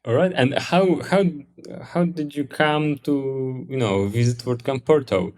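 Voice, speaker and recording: A man's voice: mid-range voice, measured pace, darkish tone. A male podcast host introduces his guest and asks questions. He stumbles over words and restarts himself often, then carries on. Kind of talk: interview hosting.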